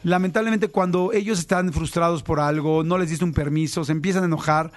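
A man's voice: on the high side, fairly even intonation, a little fast. A man giving casual parenting advice, talking conversationally and addressing listeners directly.

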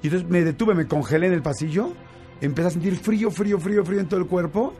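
A man with a Mexican Spanish accent recounts a story in relaxed conversation. His voice sits slightly high for a man, and his telling is lively and full of fillers and restarts. Faint music plays underneath. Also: fast. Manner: animated, with many fillers and restarts. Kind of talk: casual storytelling chat.

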